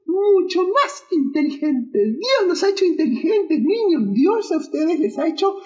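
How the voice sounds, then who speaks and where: A woman playing a squeaky-high, playful boy puppet leads kids in a church puppet show, chuckling at its own jokes and calling for the children to repeat after it. The voice sits way up high, and the recording is dull and lo-fi. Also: very animated, a little slow, warm tone, exaggerated voice. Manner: playful, laughs at own jokes, call-and-response.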